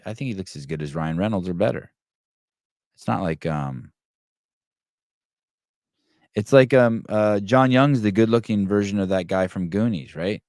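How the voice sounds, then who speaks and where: A man's voice: fairly low pitch, a little mellow, no room sound, clean studio sound. A man hosting a podcast in loose, casual interview chat, swearing freely and stammering on restarts. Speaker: podcast host.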